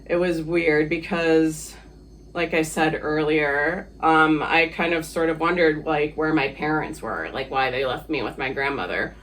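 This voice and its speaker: A man's voice: fairly high pitch, steady tone, a little slow, fairly bright tone, a little hiss or hum. A man from the Philippines, a guest on an interview podcast, talking casually and hesitantly with many fillers and easy laughs.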